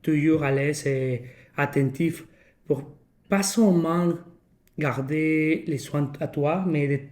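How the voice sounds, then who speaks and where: Man, foreign accent in French, non-native speaker, fairly high voice, casual podcast host, halting delivery, English words mixed in. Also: darkish tone. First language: not French.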